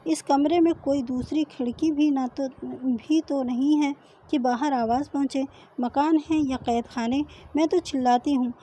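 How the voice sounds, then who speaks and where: A defiant young village wife who talks boldly and will not give in, read out by a woman. The voice is high and soft-toned. This is a storybook reading. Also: fairly even intonation, close to an everyday voice. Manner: bold, insistent.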